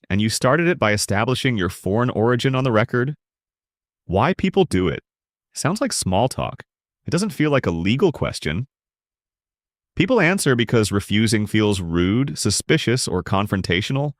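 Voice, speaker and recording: A man giving scripted narration that explains legal rights in a measured, emphatic way. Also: on the low side, dry recording, studio quality.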